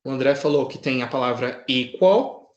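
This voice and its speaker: A man's voice: medium pitch, moderate pace, roomy sound, dull audio. A man teaching an English class online in a patient way, often checking in with his students.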